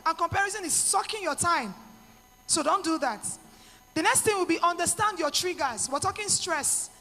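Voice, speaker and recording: A woman's voice: very high-pitched, lively intonation, moderate pace, pushed and bright, long reverb tail. A middle-aged woman with a Nigerian accent, giving an earnest motivational talk to women with pidgin asides. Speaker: speaker to women.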